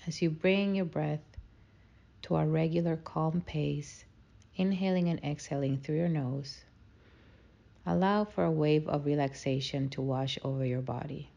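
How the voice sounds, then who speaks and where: A woman leading a guided meditation in a slow, soothing, calming manner. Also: low voice, gravelly, muffled recording.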